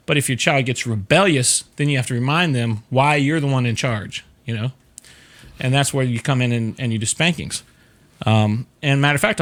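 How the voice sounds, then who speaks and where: Bright-voiced middle-aged man hosting advice. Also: on the high side. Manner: conversational, explanatory, keeps checking in with the listener. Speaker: advice show host. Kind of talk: casual advice talk.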